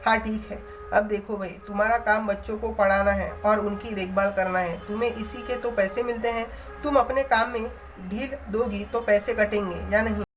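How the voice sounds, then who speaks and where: A stern middle-aged master of the house who scolds and then lectures in an average-pitched voice, as a woman reader puts him on. He moralizes at length, hard and insistent, in a read-aloud story. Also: fairly even intonation, normal speed, soft background music, close to an everyday voice.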